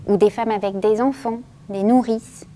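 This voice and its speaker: A woman's voice: medium pitch, fairly even intonation, moderate pace, warm tone. Woman guiding a museum tour. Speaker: museum guide. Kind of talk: guided museum tour for children.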